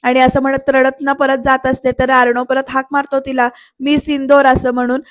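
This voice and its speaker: Brief: female reviewer, chatty voice-over recap, high and fairly even delivery. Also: a little fast, dry recording, studio quality. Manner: chatty, addresses viewers directly. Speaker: serial episode reviewer. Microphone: close voice-over mic.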